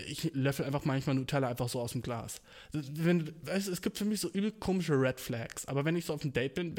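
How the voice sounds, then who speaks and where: A man's voice: a little high, a little mellow. A young man ranting in a casual, comedic way, full of slang, English words and swearing, with playfully exaggerated outrage.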